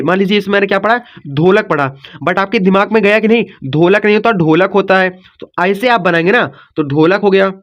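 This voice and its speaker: Male tutor, high voice, patient and repetitive, walks learners through each word, slightly muffled lo-fi audio. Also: fairly bright tone. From India. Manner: repetitive, coaxing, says "ठीक" and "बच्चों" often. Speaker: teacher. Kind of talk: step-by-step spelling lesson.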